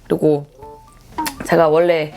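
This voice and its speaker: A woman with a low, dark-toned voice and vocal fry speaks slowly with little pitch movement. She's a mukbang vlogger chatting casually to viewers while eating, tossing in playful, self-mocking asides. Background music plays under her voice.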